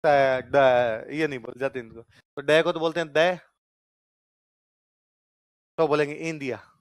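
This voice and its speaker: A man's voice: mid-range voice, fairly even intonation, normal speed, dry recording. A man teaching a history class, quizzing students and repeating questions back to them. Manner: tells anecdotes, mimics accents. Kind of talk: classroom lecture.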